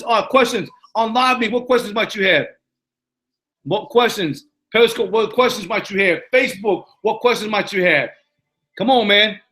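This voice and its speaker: Hosting a live-stream motivational Q and A, a New York-accented man who lives in Arizona speaks in a high, bright, forceful voice. He preaches emphatically, drives his points in with repetition, and keeps asking listeners "you know what I'm saying."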